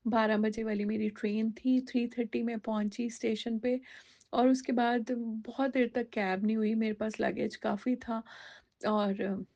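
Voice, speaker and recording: Gravelly-voiced woman sharing devotional testimony. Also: fairly high pitch, fairly even intonation, unhurried, mellow, lo-fi sound. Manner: conversational, mixing Hindi with English words, many fillers.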